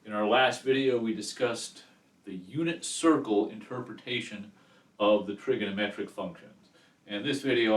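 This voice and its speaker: A man teaching a math lesson at a chalkboard, explaining step by step in a casual way, with chalk scratching and clicking behind him. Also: lowish voice. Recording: echoey room, distant mic, background noise.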